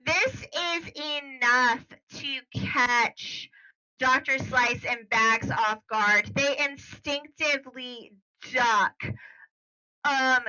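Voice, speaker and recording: A woman's voice: high-pitched, very slow, sharp tone, lo-fi sound. A woman acting as game master, narrating a tabletop game in a casual, rambling way. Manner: casual, rambling with filler words.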